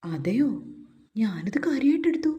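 A woman voicing a cool, teasing young husband who answers calmly in a storybook reading. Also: a little high, moderate pace.

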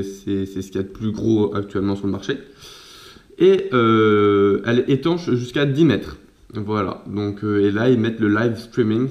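A man's voice: medium pitch, darkish tone, dull audio. A man casually talking through an unboxing for his own vlog, chatty and laughing at himself. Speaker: vlogger. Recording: roomy echo.

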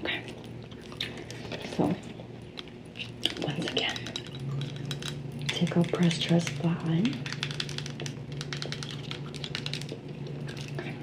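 A woman playing a pushy, flattering salon sales associate with a New Jersey accent in a whispered role-play, chewing gum as she talks. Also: fairly low pitch, takes it slowly, long pauses. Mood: soothing, attentive. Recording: clearly noisy background.

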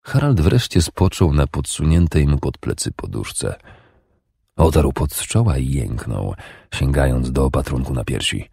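A man narrating an audiobook in a steady, even reading voice. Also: extremely low pitch, a little slow, gravelly, husky, no room sound, studio quality.

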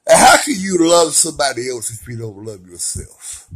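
Man, personal vlog, husky voice with a hugely lively pitch, soft one moment and loud the next. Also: moderate pace. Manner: exuberant, laughs often, swings between quiet and loud. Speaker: vlogger sharing his recovery.

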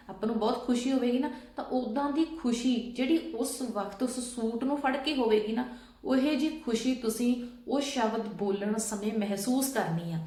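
A woman's voice: fairly high pitch, a little mellow, roomy sound. A woman vlogger patiently explaining steps and often checking that listeners follow. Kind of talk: casual instructional talk.

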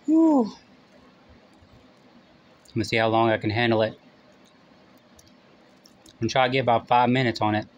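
A middle-aged man chatting casually to camera in short, halting phrases, his mouth burning from spicy food. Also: medium pitch, level tone, dull audio. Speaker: vlogger doing a spicy food challenge. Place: small room indoors.

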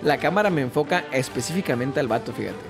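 Lively joking Mexican man. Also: mid-range voice, quick pace, gravelly, music in the background. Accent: Mexican Spanish. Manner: joking, chatty, talks to the game character. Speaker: gaming YouTuber. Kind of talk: casual gameplay commentary.

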